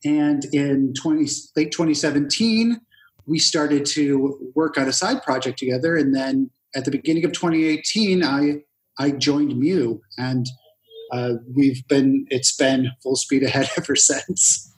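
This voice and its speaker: Measured middle-aged male guest. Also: mid-range voice, poor audio. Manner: measured, slightly halting. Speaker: guest, operations manager. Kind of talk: casual interview answers.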